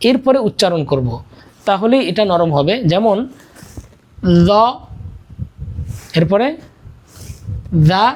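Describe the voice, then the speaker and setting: Slow, patient Quran reading teacher. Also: mid-range voice. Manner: repeats letter-vowel drills in a steady chant, then explains briskly. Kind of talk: slow drilled recitation lesson.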